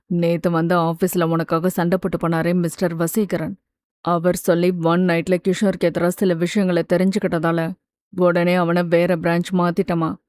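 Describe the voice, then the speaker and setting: A woman's voice: lowish voice, level tone, normal speed, darkish tone, no echo, voice pushed down, lightly acted. A woman voicing a polite, matter-of-fact male office boss in an audiobook. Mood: reassuring. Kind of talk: audiobook character voice.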